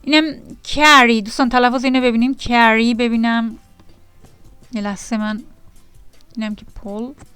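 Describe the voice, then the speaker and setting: A woman's voice: fairly high pitch, fairly even intonation, pauses often, a bit bright, clean tone, no echo, soft background music. A woman teaching an English vocabulary lesson to beginners, reading definitions aloud and then explaining them patiently to her students. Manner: patient and repetitive, addressing students directly.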